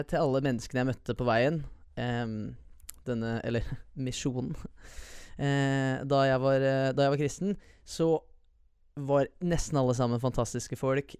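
A man's voice: mid-range voice, a little mellow, smooth, no room sound, clean studio sound. A young man telling a personal story in a casual, profane way, slipping English slang into his sentences. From USA and Norway. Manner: profane, slangy, mixes English words into Norwegian.

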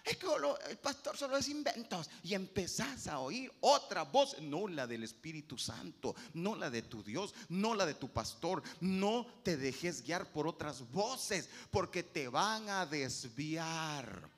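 A male pastor, preaching an animated sermon and acting out the voices he quotes. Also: on the high side, slow, hardly any pauses. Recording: long hall reverb.

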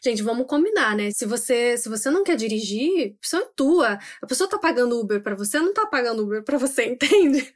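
A woman's voice: a little high, very animated, fast, few pauses. A young adult woman with a Brazilian Portuguese accent, co-hosting a casual podcast chat in a reflective, hesitant way that turns emphatic. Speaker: podcast co-host.

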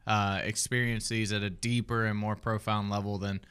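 Halting man on a podcast. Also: fairly low pitch, flat delivery, fairly bright tone, smooth. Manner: halting, many restarts and fillers. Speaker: podcast co-host. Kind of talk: casual chat.

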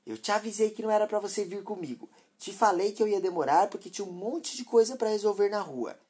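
A woman's voice: medium pitch, animated, brisk, a little mellow, husky, voice pushed up. A woman voicing a harsh, impatient mother who scolds sharply and dismissively. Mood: scornful.

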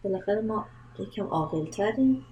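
A woman in her fifties, a guest from Iran, speaking calmly and giving firm parenting advice in a casual interview. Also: mid-range voice. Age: 50s. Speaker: guest, mother. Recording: roomy echo, faint noise.

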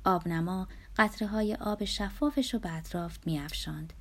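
A woman narrating a story in a soft, unhurried audiobook reading. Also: on the low side.

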